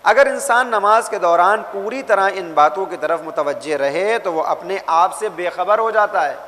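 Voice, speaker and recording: Male religious teacher, high voice, storytelling class, reverberant hall. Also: lively intonation, a bit bright. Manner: storytelling, acts out voices in anecdotes. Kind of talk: religious class for young people.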